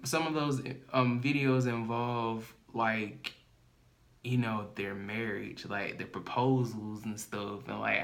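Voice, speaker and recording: A man co-hosting a podcast in casual chat, slow and thoughtful, with many fillers and hedges. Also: mid-range voice, fairly bright tone. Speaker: podcast co-host.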